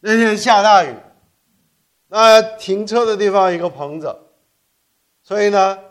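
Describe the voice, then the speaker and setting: An older man, raised in Korea, preaching an animated sermon full of stories, often correcting himself and dropping English words. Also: sits high, unhurried. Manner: animated storytelling with frequent self-corrections and code-switching to English. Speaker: pastor.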